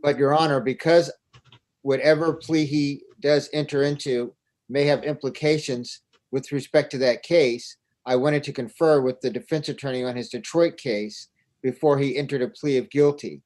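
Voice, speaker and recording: A man's voice: mid-range voice, steady tone, normal speed, a little mellow. Formal, deferential male attorney. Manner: formal and deferential, repeating "Your Honor". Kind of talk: courtroom argument. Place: courtroom.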